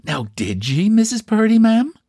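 A gossipy old housekeeper woman with a thick Irish accent and a husky, admiring voice, as a man puts her on. She is pitched well above her reader's own voice and leans in eagerly. The sound is dry and close. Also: big pitch swings, normal speed, dark tone, no echo, exaggerated voice.

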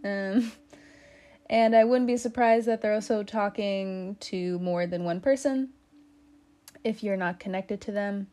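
A woman's voice: mid-range voice, unhurried, mellow. A woman giving a casual tarot reading, chatty and teasing, with lots of fillers. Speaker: tarot reader.

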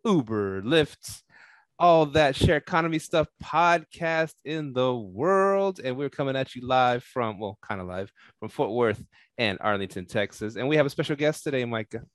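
A man's voice: mid-range voice, expressive, moderate pace, no room sound. A man co-hosting a podcast, talking upbeat and joking as he introduces a guest. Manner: upbeat and joking, laughs easily. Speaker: podcast co-host. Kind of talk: casual podcast chat.

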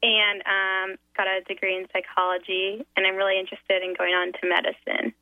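A woman's voice: medium pitch, little pitch movement, fairly quick, no echo, phone-quality sound. A woman in her twenties calling in to a live radio show, giving short, hesitant answers with light laughs. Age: 20s. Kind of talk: casual chat.

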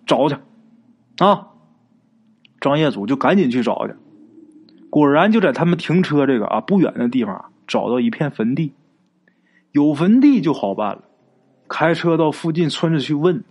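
A man's voice: fairly high pitch, very animated, normal speed, a little mellow, slightly rough. A man narrating a ghost story in a chatty, folksy way, drawing out particles and speaking straight to his listeners.

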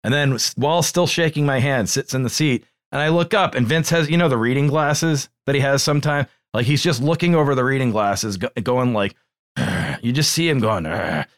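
A man co-hosting a podcast in casual chat, telling profane, animated stories and mimicking people. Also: mid-range voice, fairly quick. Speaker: podcast co-host.

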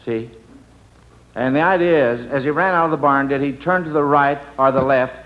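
This quiz show host has a mid-range voice and talks at normal speed. Chuckling, he patiently coaxes children through an old-time radio quiz, captured in a dull, noisy old recording.

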